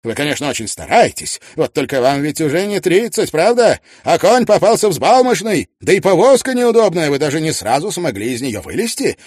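Man narrating a confident Yorkshire gentleman in a storybook; quick, lively, dry sound. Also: fairly high pitch, slightly rough, no room sound, pitched above the performer's own voice. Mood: assured.

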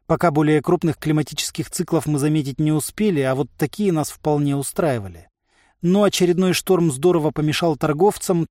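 A man narrating an audiobook in a steady, wry storytelling manner. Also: a little high, no room sound, studio quality. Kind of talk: audiobook reading.

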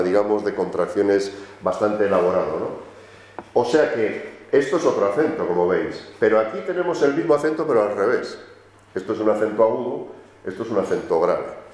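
Low-voiced lecturer in an echoey room. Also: male voice, a little mellow. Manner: explanatory, with frequent questioning tags to students. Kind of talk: classroom lecture. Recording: roomy echo of a lecture room.

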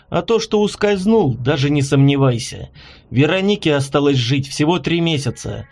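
Man doing a wry, calm winged angel. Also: mid-range voice. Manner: wry, soothing, smirking.

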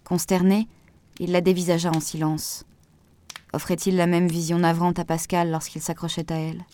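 A woman reading a novel aloud as an audiobook narrator, with an even, measured delivery. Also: lowish voice. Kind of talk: scripted narration.

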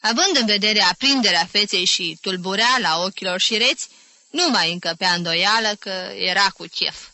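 A woman's voice: medium pitch, pushed and bright, dry recording. Woman narrating literary prose. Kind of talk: audiobook reading of literary prose.

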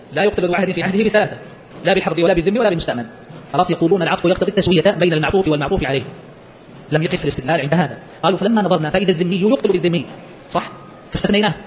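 A man lectures on a legal text at a very fast clip and keeps firing short questions at his listeners. His voice sits high, and the recording is a little muffled. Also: a little hiss or hum. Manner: quizzes listeners with quick rhetorical questions. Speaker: Islamic jurisprudence teacher. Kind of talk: explaining a legal-theory text.

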